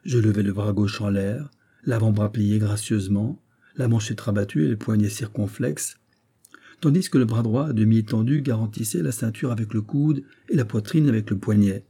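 Male audiobook narrator, dark and husky, measured classic storytelling. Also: lowish voice.

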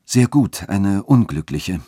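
A man reading a story aloud and voicing a proud young widow who speaks calmly, coldly and firmly. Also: deep voice, takes it slowly, husky, no room sound, studio quality, full character voice. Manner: calm, cold and firm. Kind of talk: literary reading.

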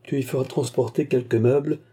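A man playing an earnest young nobleman in a read-aloud novel. He is hesitant and polite with a lady and crisp with his servant. The tone is dark and slightly husky. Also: mid-range voice, steady tone, brisk, lightly acted. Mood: commanding.

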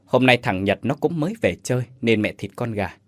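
A gentle old grandmother comforts and fusses over her family, voiced by a male storyteller. Her lines come in a soothing, affectionate tone, and the pitch moves lively through each phrase. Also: a little fast, no room sound, clean studio sound, lightly acted. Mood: cheerful.

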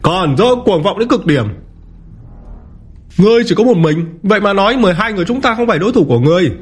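A man voicing an arrogant young martial-arts villain who boasts and shouts in a raised, strained voice. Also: high-pitched, fairly quick, voice pushed up.

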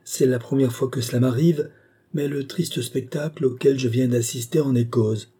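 A man's voice: mid-range voice, steady tone, normal speed, warm tone, breathy edge, pitched above the performer's own voice, natural voice. A man voicing a scheming, self-assured woman of the manor in an audiobook, cool and mildly ironic. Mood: composed. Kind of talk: audiobook character voice.

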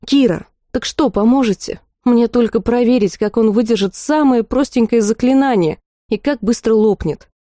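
A woman's voice: a little high, normal speed, mellow, dry recording, studio quality, voice pushed up, lightly acted. A woman reading a cheeky young girl student mage. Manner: pleading, cheeky.

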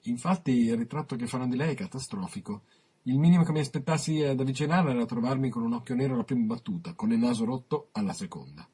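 A man on the radio reading his own written interview aloud, measured, with dramatic pauses. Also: mid-range voice, dark tone, husky.

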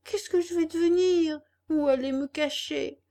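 Storybook: woman voicing an impish little puppet boy, high and bratty. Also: sing-song, measured pace, vocal fry, darkish tone, heavily acted. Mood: tearful. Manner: mocking taunts, then tearful pleading. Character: cheeky wooden puppet boy, impish and rude.

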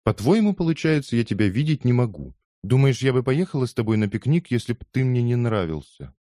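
A man voicing a brash, cheeky young working girl who argues and bosses others with quick comebacks. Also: mid-range voice, big pitch swings, dark tone, no echo, clean studio sound, voice pushed up, close to an everyday voice. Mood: teasing. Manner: bossy, quarrelsome, quick comebacks.

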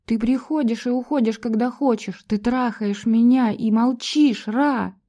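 Woman reading as a cornered young woman lashing out, pitched high and loud, mellow tone underneath. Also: measured pace. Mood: angry. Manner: shouting, pleading, breaking voice. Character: young homeless woman, defiant and frightened.

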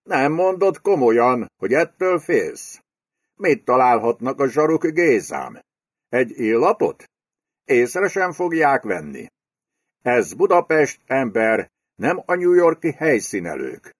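A man's voice: medium pitch, big pitch swings, breathy edge, dry recording, clean studio sound, voice pushed up. A man voicing a fat, domineering male property speculator who talks in a crude, bullying, menacing way in an audiobook. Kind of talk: audiobook character voice.

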